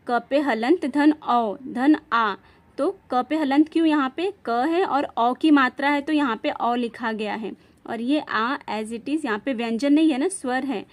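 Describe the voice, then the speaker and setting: Slow high-voiced woman teaching grammar. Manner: slow, spells words letter by letter; asks questions then answers them. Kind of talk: classroom-style grammar lesson.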